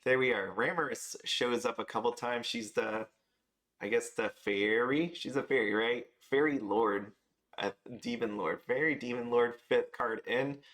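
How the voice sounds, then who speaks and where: A tired man chats his way through a card price review, rambling and restarting as he goes. His voice sits at an ordinary middle pitch, and the talk is casual rather than scripted. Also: moderate pace, a bit bright. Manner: loose and rambling, many fillers and restarts. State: tired after an early start. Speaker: card game video host.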